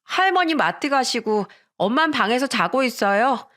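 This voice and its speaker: A woman's voice: high voice, sing-song, moderate pace, a bit bright, pitched above the performer's own voice. A woman voicing a cheerful young boy greeting his father in a radio story reading, with eager childlike chatter.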